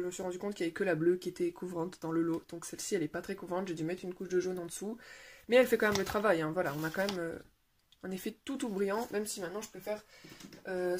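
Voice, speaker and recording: A young woman chatting casually about her coloring pages, with lots of fillers and restarts. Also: mid-range voice. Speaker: coloring vlogger. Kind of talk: casual show-and-tell chat. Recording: faint background noise and clicks.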